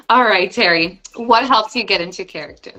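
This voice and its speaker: Young woman host, bright crisp voice, effusive fan energy, video call. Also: medium pitch, low-quality recording. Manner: gushing, emotional, effusive. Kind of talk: casual live-stream interview.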